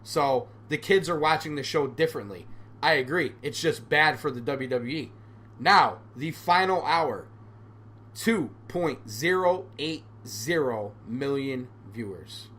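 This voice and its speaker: Sarcastic man ranting, bright voice. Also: mid-range voice, lively intonation, a little slow. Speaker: podcast host. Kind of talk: solo opinion podcast.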